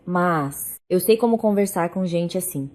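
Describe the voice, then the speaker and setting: A woman reading the brief, decisive lines of a calm male lawyer, in a low, mellow voice. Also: a little slow. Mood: firm.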